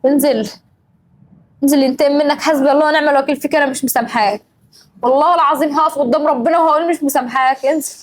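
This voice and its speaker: A woman's voice: sits high, rapid-fire, rough recording. A young Egyptian woman with an Egyptian accent, acting in a family drama, scolding over and over and growing emotional. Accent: Egyptian Arabic. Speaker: regular of the show.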